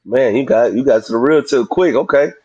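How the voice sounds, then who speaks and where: A man in his thirties chatting casually as an interview guest, using relaxed slang, with slurred, slushy s sounds. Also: mid-range voice, a little fast, husky, no echo, lo-fi sound. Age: 30s. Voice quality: slurred, slushy sibilants from a mouth grill. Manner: informal, slangy, frequently saying "man". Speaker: professional boxer, interview guest.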